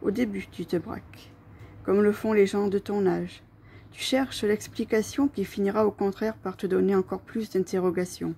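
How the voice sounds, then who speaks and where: A woman narrating a poetic story in a soft, breathy voice, speaking gently and lyrically straight to the listener. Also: mid-range voice, fairly even intonation, moderate pace, a little hiss or hum.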